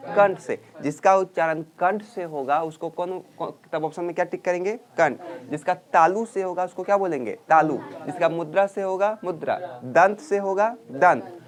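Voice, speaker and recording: A man teaching a grammar class, drilling students loudly and scolding them. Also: high voice, moderate pace. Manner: loud scolding drill teacher, calls and answers.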